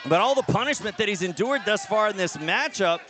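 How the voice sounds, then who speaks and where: High-pitched, shouting male wrestling commentator. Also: animated, a little fast. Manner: shouted, high-energy calls. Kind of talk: excited live play-by-play wrestling commentary. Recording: loud crowd and venue noise. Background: cheering crowd.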